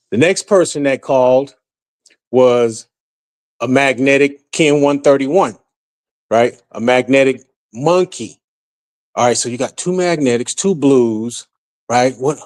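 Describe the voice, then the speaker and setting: A man speaking casually on a spiritual group call, rambling with frequent restarts and fillers, by his own account usually monotone. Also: mid-range voice. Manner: self-described monotone. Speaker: community call participant.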